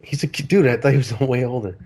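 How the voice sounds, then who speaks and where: An excitable man co-hosts a podcast in loose casual chat. He swears freely and laughs often, with a voice in a middle range for a man. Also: medium pitch, fast, slightly rough. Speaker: podcast co-host.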